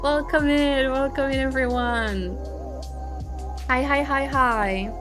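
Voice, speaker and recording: High-pitched woman chatting on a tarot stream, giggly, takes her time, music playing behind. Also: steady tone, slow. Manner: giggly, chatty, greets chat warmly. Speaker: live streamer doing tarot card readings. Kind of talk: casual live-stream chat with viewers. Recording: background music under the voice.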